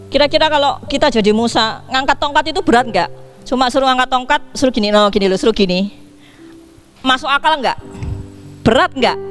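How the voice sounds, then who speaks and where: A woman pastor preaching a sermon in a lively way, asking her congregation questions. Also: sits high. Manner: lively, asks the congregation questions, acts out dialogue. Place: church.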